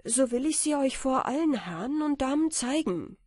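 Fairy-tale peasant, poor and hopeful, loud and eager, as a woman reader puts him on, dry sound. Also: sits high, expressive, normal speed, no room sound, voice pushed up.

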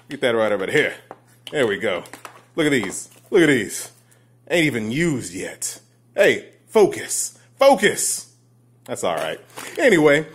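A man's voice: fairly high pitch, slightly rough. A man talking casually and playfully to the camera in his home vlog, speaking slangy and straight to viewers. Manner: playful, animated, slangy, addresses viewers directly. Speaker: vlogger.

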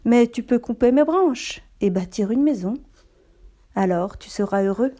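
A woman's voice: on the high side, expressive, measured pace, mellow. A woman voicing a generous, loving old tree in a read-aloud storybook, speaking tenderly with a slightly raised voice.

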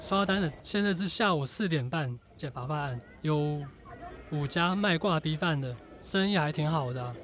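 A man filming a walk through a city square by a bus station, casually commenting and counting the food stalls out loud as he goes. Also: a little high, expressive, moderate pace, highs cut off, a crowd in the background. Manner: offhand, counting stalls aloud as he walks. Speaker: vlogger filming a street walk. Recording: loud street noise behind.

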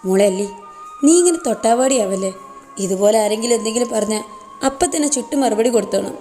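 A woman's voice: on the high side, brisk, a little mellow, soft background music, lightly acted. A woman voicing a motherly teacher in her late forties who speaks soothingly and affectionately. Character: motherly woman teacher over forty-five, warm. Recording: long reverb.

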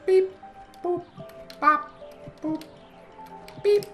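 Мужчина, комментируя игру, изображает пищащего робота высокими певучими звуками «бип-буп». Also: male voice, extremely slow, pushed and bright, soft background music, heavily acted. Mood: playful. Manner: high sing-song robot beeps, goofy. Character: beeping little robot, playful, chirping. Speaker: gameplay commentator. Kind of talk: casual let's-play commentary.

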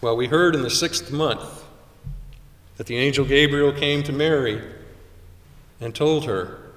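An older man delivers a sermon in a measured, unhurried way, pausing for weight between phrases. His voice sits at an ordinary middle pitch. It is picked up from some distance, with the long, roomy ring of a chapel around it. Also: fairly bright tone. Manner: measured preaching with dramatic pauses. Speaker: chaplain. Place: small chapel, indoors. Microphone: stand mic at pulpit, far camera. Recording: roomy chapel echo from far off.

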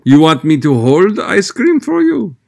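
A man voicing a pompous sock puppet king in goofy, halting broken English for a comic puppet show. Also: sits high, wildly swooping pitch, creaky, no room sound, clean studio sound, exaggerated voice. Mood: grand, welcoming.

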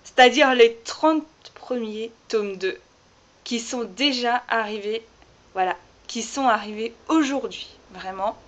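A woman's voice: a little high, takes it slowly. Chatty woman vlogger, dull lo-fi sound. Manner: chatty, many fillers like "voilà" and "euh". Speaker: author unboxing her own book. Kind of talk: casual vlog chat.

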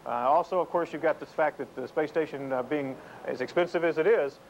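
A middle-aged man reporting live as a space correspondent, explaining things in a measured way. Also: on the high side. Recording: dull, noisy VHS TV broadcast.

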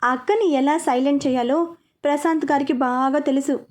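A woman's voice: sits high, steady tone, normal speed, darkish tone, close to an everyday voice. A woman voicing a playful, scheming young man who is the younger brother in a story. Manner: teasing, eager.

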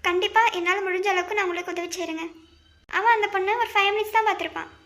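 A woman's voice: extremely high pitch, fairly even intonation, very fast, fairly bright tone. A woman voicing an anxious young wife in a cartoon family drama, pleading and coaxing her husband.

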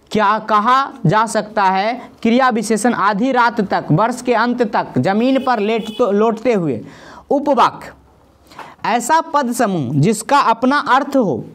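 A woman teaching a grammar lesson for exam preparation. She explains each rule, then lists short examples, checking in with her students as she goes. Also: fairly high pitch.

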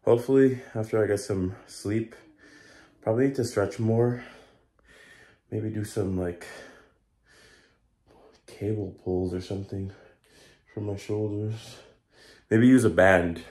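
A man's voice: fairly low pitch, fairly even intonation, slow pace, long pauses, darkish tone. A young man vlogging casually to his phone while doing push-ups, a bit winded and straining. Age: young adult. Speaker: fitness challenge vlogger. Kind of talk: casual self-talk vlog. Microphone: phone camera, at arm's length or propped nearby. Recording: echoey small room.

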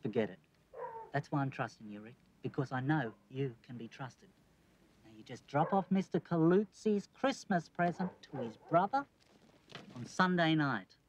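A man's voice: fairly high pitch, lively intonation, normal speed, a little hiss or hum, natural voice, low-quality recording. A man playing a slick shady car salesman. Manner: smooth, wheedling sales patter. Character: fast-talking shady used car salesman.

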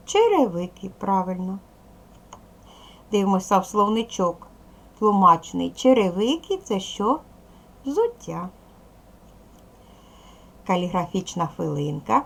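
A woman teaching a video language lesson to young children, patient and slow, asking questions and waiting for answers. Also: mid-range voice, vocal fry. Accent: Ukrainian. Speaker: primary school teacher.

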